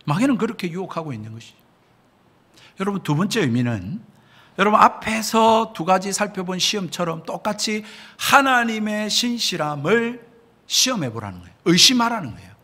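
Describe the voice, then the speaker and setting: A man's voice: high-pitched, big pitch swings, normal speed, pushed and bright. A man preaching a sermon as pastor, emphatic, often addressing the congregation directly and asking rhetorical questions. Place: church sanctuary.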